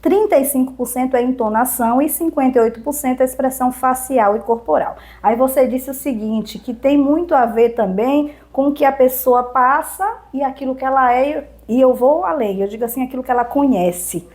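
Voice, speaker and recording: A woman's voice: sits high, brisk, hardly any pauses, darkish tone. A woman with a Brazilian accent, a public speaking trainer giving didactic interview answers with rhetorical questions. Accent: Brazilian Portuguese. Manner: didactic, lists points and poses rhetorical questions.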